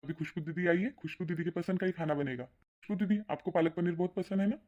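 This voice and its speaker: A woman voicing a caring young adult son and brother in a cartoon, asking quick, concerned questions. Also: on the low side, darkish tone, lightly acted. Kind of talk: cartoon voice acting. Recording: dull lo-fi sound.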